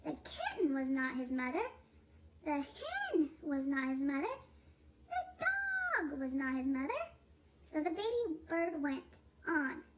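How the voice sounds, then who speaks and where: A woman reading a children's picture book aloud in a playful, expressive way, drawing out words. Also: high-pitched, slow pace, background noise. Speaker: storybook reader.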